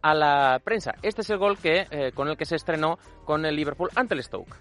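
A man's voice: fairly high pitch, expressive, normal speed, over loud music. A middle-aged man telling football stories on a radio show, explaining at length with many fillers and repetitions. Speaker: regular football storyteller guest. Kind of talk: conversational storytelling on radio.

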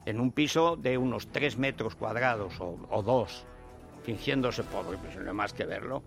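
A man's voice: lowish voice, measured pace, gravelly, soft background music. A man with a Spain Spanish accent delivering a combative, sarcastic opinion monologue as a political commentator.

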